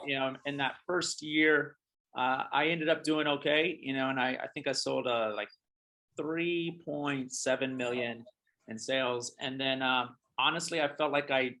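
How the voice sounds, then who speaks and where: A man's voice: mid-range voice, bright, forceful tone. A man hosting an interview as a realtor, talking casually and hesitantly with repeated words and fillers.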